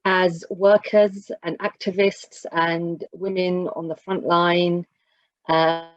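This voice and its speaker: Earnest woman speaker, lower voice, on a dull video call link with audio dropouts. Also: flat delivery, no room sound. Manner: earnest, halting, many fillers. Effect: choppy audio dropping out from a bad internet connection. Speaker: event speaker. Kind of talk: heartfelt speech at an online gathering.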